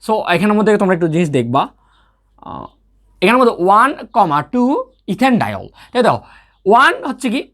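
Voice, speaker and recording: A man's voice: sits high, huge pitch swings, brisk, pauses often, fairly bright tone. A young man teaching a recorded chemistry lesson. He keeps checking in with his students, answers his own questions and mixes English terms into his talk. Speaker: chemistry tutor. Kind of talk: recorded online lecture.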